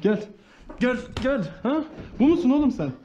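A man playing a taunting, mocking older brother in a comedy skit, with a very high and lively voice. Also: moderate pace, muffled recording, crowd noise.

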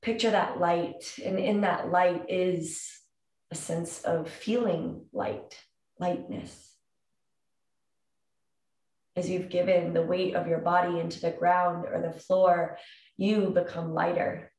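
A woman in her thirties leads a calm grounding meditation, giving soothing instructions with long pauses between phrases. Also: on the low side. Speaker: meditation guide. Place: indoor room with wooden floor and plank wall. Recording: roomy echo, distant microphone.

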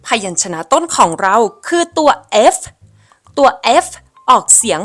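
A woman narrating a phonics lesson as an English teacher, spelling out sounds slowly and repeating each word with careful enunciation. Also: medium pitch, sing-song, bright, forceful tone, faint music behind. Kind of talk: scripted lesson voice-over.

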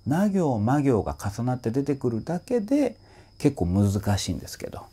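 A man's voice: medium pitch, normal speed, husky. A man working as a voice trainer, explaining a song in a casual lesson and singing short phrases to show how they go. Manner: animated, sings short phrases to demonstrate. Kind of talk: casual music lesson commentary.

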